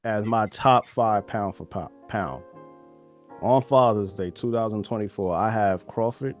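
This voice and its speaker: A man co-hosting a casual boxing podcast, talking in a laid-back, steady way. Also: on the low side, a little slow, faint music behind. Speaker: podcast co-host.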